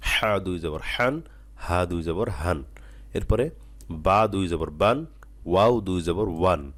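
A man, teaching Quran letter sounds. He drills each sound slowly and repeatedly, then explains at a brisker pace. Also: low voice. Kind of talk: slow drilled recitation lesson.

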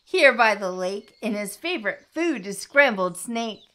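A woman voicing a small, clever brown mouse in a storybook read-aloud, chirpy and excitable. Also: on the high side, a little slow. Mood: boastful.

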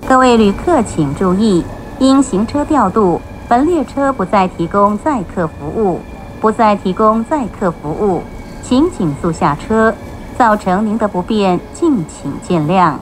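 A woman making measured, clearly enunciated train announcements, heard over the carriage's intercom loudspeaker. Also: medium pitch, animated, a little hiss or hum, low-quality recording. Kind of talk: recorded transit announcements.

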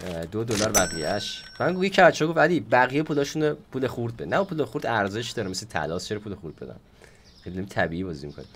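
A man with a hoarse, slightly low voice gives playful gameplay commentary. His pitch swings widely as he chats away to his viewers while he plays. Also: very animated, fairly bright tone, a little hiss or hum. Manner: playful, chatty, talks to viewers while playing. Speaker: gaming YouTuber host.

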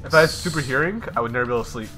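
Easygoing young man, bright tone. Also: mid-range voice, soft background music. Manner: easygoing, reacting to play with quick remarks. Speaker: gaming channel co-host. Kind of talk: casual gameplay commentary.

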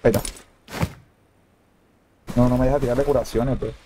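A young man giving casual gameplay commentary in slangy, jokey talk that breaks into shrill pleading. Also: fairly even intonation, normal speed, background noise. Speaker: gamer streamer.

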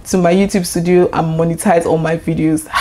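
A young woman chatting straight to her viewers in a casual vlog. Her voice sits a little low, and she talks in an excitable, chatty way, full of fillers and quick laughs. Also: very noisy. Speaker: YouTuber.

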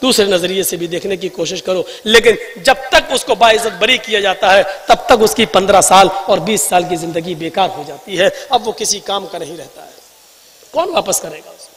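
High, bright-voiced fervent preacher. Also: male voice, normal speed, big-room sound. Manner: fervent, declaiming, rising to shouts. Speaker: Islamic preacher at a conference. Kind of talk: impassioned public speech. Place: large public gathering.

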